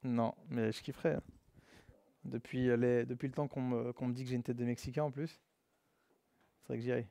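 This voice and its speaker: A man's voice: mid-range voice, fairly quick, vocal fry, long pauses, no echo. A man teaching web development in a casual, slangy live classroom lesson, speaking directly to his students. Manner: relaxed and slangy, addresses students as "les gars".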